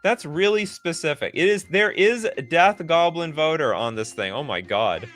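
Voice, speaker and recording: A man streaming live, reacting loudly and sarcastically while rating cards and answering chat. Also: on the high side, lively intonation, normal speed, soft background music.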